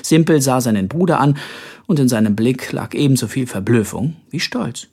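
An audiobook narrator tells a story with an expressive reading. The pitch moves a great deal through the sentences. The pitch sits mid-range. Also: normal speed, breathy edge. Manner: expressive reading, varied delivery. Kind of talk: scripted narration.

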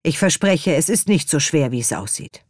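A woman's voice: deep voice, animated, moderate pace, darkish tone, breathy edge, dry recording, clean studio sound. A woman voicing Henry, a teasing young man. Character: young man, cheerful, teasing dance helper.

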